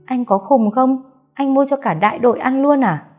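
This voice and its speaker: A woman's voice: medium pitch, brisk, narrow, tinny audio, soft background music, natural voice. A woman voicing a young woman in an audiobook who scolds sharply and then pleads in panic. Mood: scolding. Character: frightened, sulky young woman.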